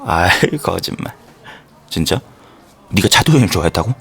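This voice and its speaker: Excitable, animated young man. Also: deep voice, normal speed, creaky, slightly rough, exaggerated voice. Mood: incredulous. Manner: blustery, stammering, exclaiming. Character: brash, excitable young man, teasing buddy, easily astonished. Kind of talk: romance audio drama acting.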